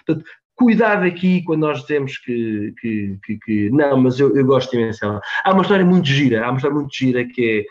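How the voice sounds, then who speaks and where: A man's voice: mid-range voice, big pitch swings, fast talker. A man with a European Portuguese accent gives a storytelling talk at a conference, repeating words and often tagging lines with a questioning "right?". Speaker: speaker at a conference. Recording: dull lo-fi conference recording.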